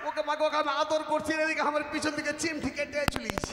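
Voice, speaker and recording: A man playing a joking young maidservant in a rustic stage comedy, bantering boisterously and calling out loudly. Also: very high voice, flat delivery, quick pace, noisy background. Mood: scolding. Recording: echoey hall with long reverb.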